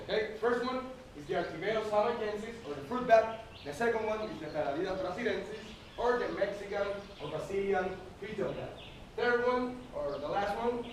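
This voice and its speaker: A man leads a tour inside a cave. His words boom back with heavy cave echo from some distance away, over a noisy background. He keeps checking in with the group with "okay?". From Puerto Rico. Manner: ends points with a checking "okay?". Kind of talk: guided tour talk.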